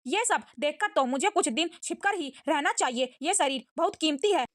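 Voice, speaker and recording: A woman's voice: high voice, expressive, moderate pace, a bit bright, no echo, studio quality. A woman voicing a vain, self-assured young noblewoman in a recap of a comic, breezy and teasing.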